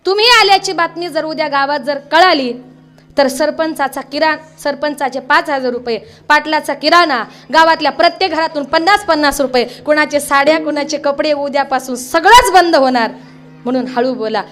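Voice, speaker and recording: A woman voicing an anxious village wife who speaks in an urgent hush, inside a sung sermon. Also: sits high, moderate pace. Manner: urgent hushed whisper-like speech.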